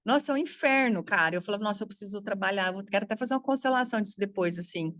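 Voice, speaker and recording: A Brazilian woman, a spiritual coach, talking casually and frankly to her audience, lively and blunt, laughing now and then. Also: mid-range voice, racing, dry recording. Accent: Brazilian Portuguese. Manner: animated, frank, swears freely, laughs often. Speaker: spiritual coach teaching astrology. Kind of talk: casual spoken talk to an audience.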